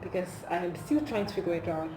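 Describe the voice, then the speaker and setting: A woman's voice: on the low side, fairly quick. A woman with a Nigerian accent, chatting casually in an amused, emphatic way as she films a comedic vlog on her phone. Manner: amused, animated, emphatic with rhetorical questions. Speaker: video creator. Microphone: phone camera. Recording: echoey room, clear background noise, phone recording.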